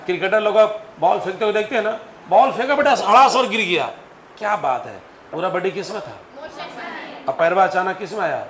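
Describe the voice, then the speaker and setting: A man teaching physics in a lively classroom lecture, calling on students to answer aloud and acting out stories. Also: sits high, brisk. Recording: echoey classroom with faint noise.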